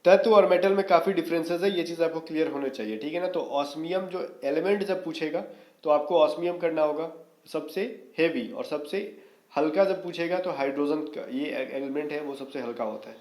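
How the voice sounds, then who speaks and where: A man's voice: a little high, fairly quick, darkish tone, echoey room. A man teaching an exam-prep lesson in a casual coaching manner, often checking in with his students. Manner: casual coaching, frequent "theek hai" check-ins.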